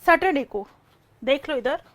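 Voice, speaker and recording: High-voiced woman teacher drilling answers. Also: animated, a bit bright. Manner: quick-fire drilling, repeats answers; addresses students as beta. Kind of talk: online exam-prep lecture.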